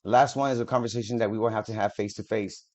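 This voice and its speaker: A man's voice: fairly low pitch, steady tone, fast, a little mellow. A man reading official documents aloud to the camera, stumbling over words and breaking off for casual, profane asides. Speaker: video creator. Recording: dull lo-fi audio.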